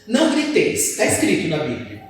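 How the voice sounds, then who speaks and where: A woman preacher giving an animated church sermon and calling on the congregation to answer her. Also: deep voice, normal speed. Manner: animated, asks the congregation for replies. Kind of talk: church sermon with call-and-response. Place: church hall. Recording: echoey hall, distant mic.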